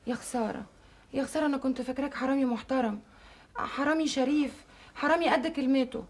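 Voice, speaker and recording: A woman's voice: sits high, fast. A snappy Egyptian young woman. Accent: Egyptian Arabic. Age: young adult. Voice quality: snappy, indignant. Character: headstrong young granddaughter, sharp-tongued. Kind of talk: classic Egyptian stage comedy acting.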